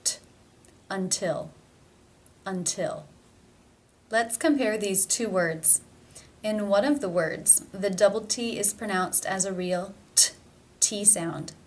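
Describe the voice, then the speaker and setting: A woman leads a pronunciation lesson at an unhurried, careful pace. She states each rule plainly, then says the example word twice, slowly and deliberately. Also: medium pitch. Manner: slow and deliberate, repeating example words. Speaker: pronunciation teacher.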